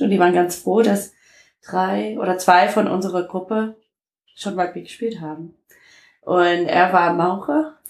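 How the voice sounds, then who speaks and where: Guest voice: gravelly, lowish American woman in her fifties, halting with many fillers, echoey room. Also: a little mellow. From United States (Detroit). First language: English. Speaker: interview guest. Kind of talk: casual interview talk.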